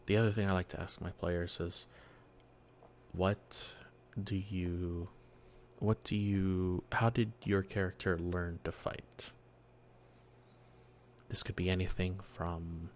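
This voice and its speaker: A soft-spoken man as a dungeon master in a whispered role-play, explaining gently and patiently with many fillers, speaking quietly at home. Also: low voice, a little hiss or hum. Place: quiet home early morning.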